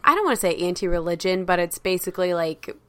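Lower-voiced woman co-host, blunt and teasing. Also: fast. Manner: relaxed, teasing, blunt opinions. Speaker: podcast co-host. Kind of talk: casual chat.

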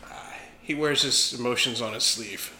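A man playing in a tabletop game, describing his moves in a playful, unhurried way. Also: medium pitch, bright, forceful tone. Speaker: player. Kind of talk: tabletop role-play. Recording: echoey room with faint noise.

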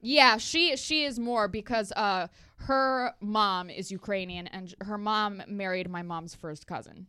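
A woman's voice: mid-range voice, a little slow, pushed and bright, smooth, no echo, clean studio sound. A woman comedian with an Eastern European accent, chatting casually on a podcast and often restarting her sentences. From Los Angeles, United States. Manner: rambling, restarts mid-sentence, laughs easily. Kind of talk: casual chat.

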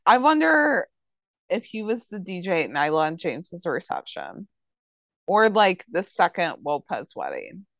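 Lively, low-voiced woman chatting. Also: unhurried, no room sound, dull audio. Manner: animated, conversational, uses fillers. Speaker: podcast co-host. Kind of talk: casual chat about a TV show.

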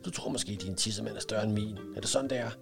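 A man's voice: lowish voice, music in the background, natural voice. A man voicing a sneering, hot-tempered schoolboy bully in a read-aloud children's story. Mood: taunting. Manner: taunting, aggressive.

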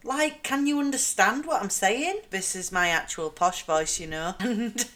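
An excitable, chatty woman in her thirties with a Yorkshire accent, hosting a podcast. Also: mid-range voice, measured pace. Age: 30s. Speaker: podcast host. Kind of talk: casual chat.

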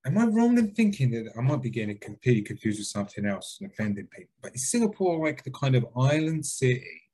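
A podcast co-host reads out a listener email, then drifts into casual chat where he rambles, hedges, and swears freely. His mid-range voice is very animated and fast, warm in tone and slightly rough.

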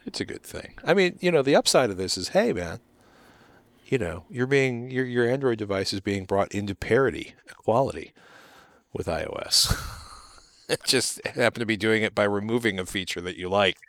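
A man with a lowish voice and a dry, close sound co-hosts a tech podcast. He rambles wryly through the news, stopping and restarting his sentences as he goes. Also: expressive, moderate pace, fairly bright tone, dry recording. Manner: rambling, wry, trails off and restarts. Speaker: co-host of a home theater tech show. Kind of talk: casual tech chat.

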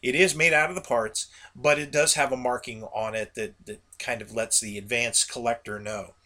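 A man speaks in a gravelly voice with a bright, hard-edged tone at a medium pitch. He delivers a casual solo podcast monologue in a folksy, rambling way, as a host chatting to regular listeners. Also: fairly even intonation, normal speed.

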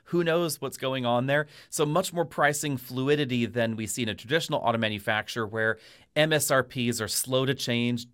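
A man with an average-pitched voice offers conversational commentary as an industry pundit. He explains at length, building one point onto the next as a podcast guest would. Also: a bit bright. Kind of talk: conversational analysis.

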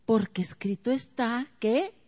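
Woman preacher, slightly high voice, dramatic delivery that drops to a hush and rises to near shouts, quizzes the congregation. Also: lively intonation, a little slow. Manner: dramatic, swings from hushed to loud; asks the audience questions. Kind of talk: sermon.

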